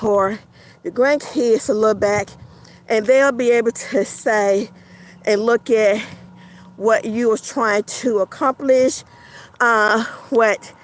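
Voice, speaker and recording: Slow-talking breathless woman walking outdoors. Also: a little high, low-quality recording. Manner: slow, rambling, with many fillers. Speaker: vlogger. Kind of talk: casual talk while walking. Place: outdoors on a snowy winter path.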